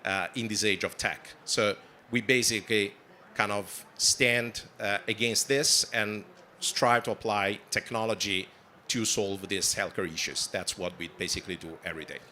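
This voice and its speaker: A man in his forties from southern Italy with an Italian accent, a company founder telling his story in a fast, animated way on a conference panel. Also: on the low side, slight background noise. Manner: fast, animated storytelling with non-native phrasing. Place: conference stage.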